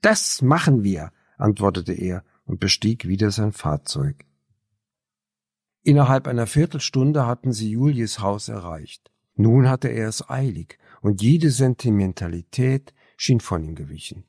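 A man narrating a novel as an audiobook, measured and even. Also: fairly low pitch, no room sound, clean studio sound.

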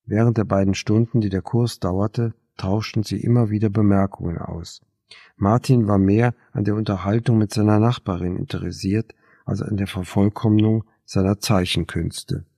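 Low, gravelly male audiobook narrator. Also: steady tone, normal speed, mellow, no room sound, clean studio sound. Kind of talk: scripted narration.

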